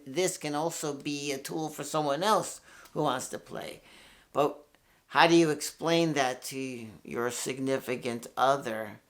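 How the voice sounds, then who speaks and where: This is a guitarist in his sixties from New York who hosts a channel, rambling candidly to camera with frequent curses and restarts. He speaks in a creaky, mid-range voice.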